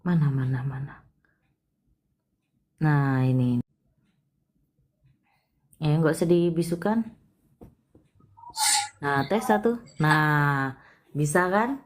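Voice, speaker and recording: A woman with a fairly low speaking voice hosts a live palm-reading session. She talks casually and expressively into a streaming mic, breaking into exclamations as she goes. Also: slow pace, long pauses. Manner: chatty and expressive, with frequent exclamations. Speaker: palm reader hosting a live consultation.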